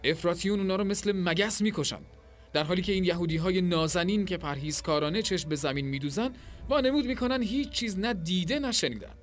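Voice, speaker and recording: Casting: man voicing a small, hot-tempered Roman commander, shouting and scornful, storybook reading. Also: high-pitched, voice pushed up, natural voice. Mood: furious. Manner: shouting, contemptuous. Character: short angry male Roman commander.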